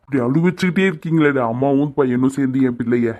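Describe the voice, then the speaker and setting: A man's voice: medium pitch, fast, lightly acted. A man voicing a furious, protective middle-aged father in a cartoon, scolding hard. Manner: angry scolding, shouting orders. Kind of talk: cartoon voice acting. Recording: tinny phone-like lo-fi audio.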